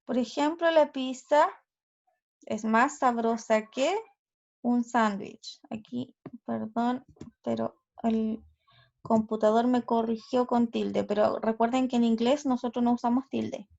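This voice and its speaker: Chilean woman teacher, high voice, slow and patient, recorded lesson on a computer mic. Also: steady tone, creaky, darkish tone. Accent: Chilean Spanish. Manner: slow, careful explanations with checking questions. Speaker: English teacher. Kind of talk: recorded online grammar lesson. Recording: slightly dull lo-fi audio.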